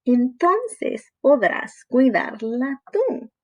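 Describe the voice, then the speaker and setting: A woman voicing a patient mother frog who speaks in a calm, soothing way. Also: sits high, extremely slow, highs cut off, full character voice. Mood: gentle.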